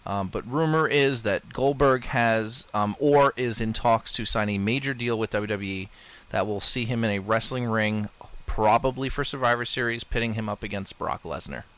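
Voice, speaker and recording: A man's voice: lowish voice, moderate pace, a bit bright. A man co-hosting a casual podcast, talking loosely with lots of fillers and the odd swear. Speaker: podcast co-host. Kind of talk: casual chat.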